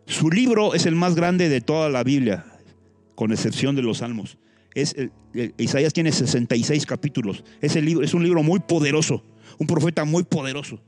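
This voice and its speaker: A man preaching a sermon as a pastor, animated, with sudden leaps in pitch, thinking aloud with restarts and asides. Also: normal speed, soft background music.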